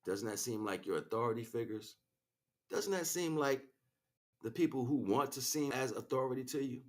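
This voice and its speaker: A man with a medium-pitched voice talks at a moderate pace while livestreaming a casual spiritual lecture. He's a spiritual teacher hosting the stream, speaking off the cuff, repeating phrases for emphasis and checking in often with his listeners.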